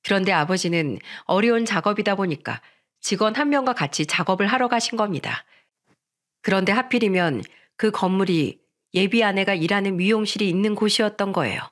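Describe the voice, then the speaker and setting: A woman narrating a radio-style story in first person, in a steady, even storytelling manner. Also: medium pitch, brisk.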